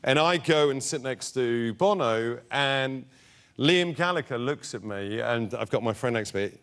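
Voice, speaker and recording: A man's voice: mid-range voice, measured pace, smooth. An English man, a talk show guest, animatedly telling a comic anecdote and acting out what other people said. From England. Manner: animated storyteller who acts out other people's lines.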